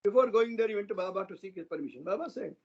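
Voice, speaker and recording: A man's voice: high-pitched, animated, racing, darkish tone, slightly rough. A man giving a devotional satsang talk, earnestly retelling stories of saints in a loose, flowing way. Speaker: satsang speaker. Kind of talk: devotional storytelling discourse. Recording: dull lo-fi online satsang audio.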